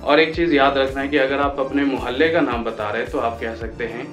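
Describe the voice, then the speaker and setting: A man in his twenties from Patna, India, teaching how to introduce yourself in English and slowing right down for each example sentence. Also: mid-range voice, steady tone, a bit bright, muffled recording. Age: 20s. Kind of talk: Hindi-language lesson on English phrases. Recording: echoey room with faint music.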